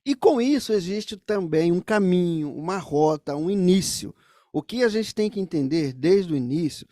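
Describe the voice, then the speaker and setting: A man's voice: fairly high pitch, darkish tone, dry recording, studio quality. A man teaching saxophone, explaining things straight to the viewers in a music lesson.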